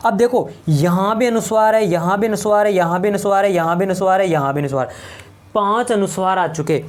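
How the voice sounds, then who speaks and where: A man teaching a whiteboard lecture, slowly repeating each point and asking his class rhetorical questions. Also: high-pitched.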